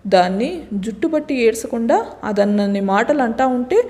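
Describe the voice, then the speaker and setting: A woman's voice: on the high side, lively intonation, normal speed, warm tone, big-room sound, lightly acted. A woman voicing a feisty young village wife who talks in a blunt, rustic, scolding way. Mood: fierce.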